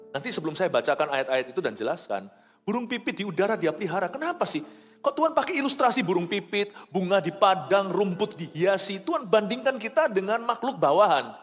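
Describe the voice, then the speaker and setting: Animated male preacher, higher voice, sermon delivered in a long-reverb church hall. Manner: animated, swings between loud and soft. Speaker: pastor.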